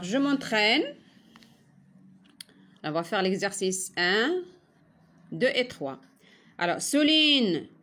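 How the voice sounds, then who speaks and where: A woman from Morocco giving a slow, careful spelling lesson to young pupils, spelling out each sound one at a time. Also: a little high. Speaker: teacher. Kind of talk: primary-school spelling lesson.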